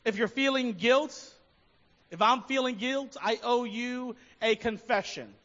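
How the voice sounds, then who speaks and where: High voiced pastor guy preaching, lots of questions to the crowd, kinda dull lo-fi sound. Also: unhurried, sharp tone. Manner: conversational, asks the congregation many questions. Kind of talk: sermon.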